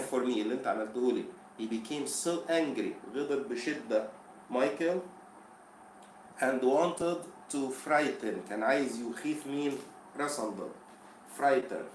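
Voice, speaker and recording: A man with an Egyptian Arabic accent teaching English for an exam, explaining in Arabic between slow English quotes and asking the class questions. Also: mid-range voice, roomy sound, a little hiss or hum. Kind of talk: exam-prep lesson.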